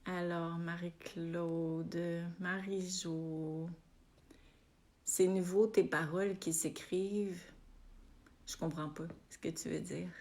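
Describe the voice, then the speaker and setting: A woman with a Québécois accent chats on a live stream from her home, greeting viewers one by one. She talks slowly, with many soft "euh" pauses, and her voice sits a little low. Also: flat delivery. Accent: Québécois French. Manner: unhurried, warm-hearted greetings with frequent euh fillers.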